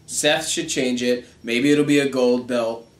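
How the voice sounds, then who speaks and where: A man co-hosting a casual wrestling podcast, talking quickly with bursts of excitement and frequent laughter. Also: medium pitch. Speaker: wrestling show co-host. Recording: roomy echo.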